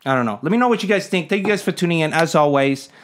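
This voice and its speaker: Indignant rambling man, fairly high voice. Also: expressive, very fast. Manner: indignant, rhetorical, asks the viewers for their opinion; jokey asides and chuckles. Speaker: vlogger. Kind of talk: casual rambling monologue to camera.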